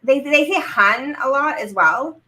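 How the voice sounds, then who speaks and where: A woman's voice: high voice, expressive, measured pace, bright, forceful tone, a little hiss or hum. A Canadian woman co-hosting a casual livestream chat, giggling and telling stories with playful voices. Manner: giggly, storytelling, mimics voices. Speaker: co-host.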